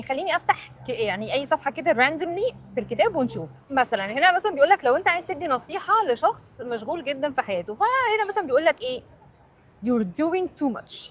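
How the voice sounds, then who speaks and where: A woman English teacher with an Egyptian Arabic accent, answering viewers' questions in a casual explainer video and counting items off aloud. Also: high voice.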